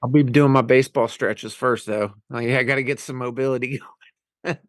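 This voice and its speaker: A man's voice: mid-range voice, fairly even intonation, normal speed, no echo, studio quality. A man in his forties co-hosting a podcast, telling stories in a laid-back, plainspoken way. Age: 40s. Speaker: podcast co-host. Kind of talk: casual conversation.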